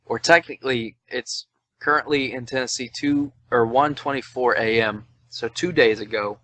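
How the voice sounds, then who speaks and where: A man's voice: mid-range voice, moderate pace, sharp tone. A man in his twenties, drunk, hosting a podcast in loose, rambling, swearing chat, with faint music behind. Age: 20s. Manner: loose, rambling, swearing, reading aloud with mock quoting. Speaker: podcast host. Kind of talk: tipsy casual podcast chat. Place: indoors at home, Tennessee.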